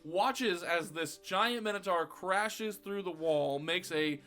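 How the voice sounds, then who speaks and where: A man's voice: sits high, slow pace, bright, forceful tone. A man who runs the game, chatting casually at a podcast roundtable, rambling and laughing often. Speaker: dungeon master of a tabletop game podcast.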